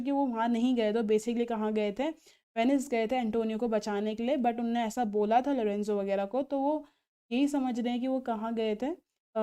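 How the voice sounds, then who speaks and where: A woman teacher, explaining a play to students in a mix of languages and slowly reading its lines aloud. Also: fairly high pitch, dark tone, smooth.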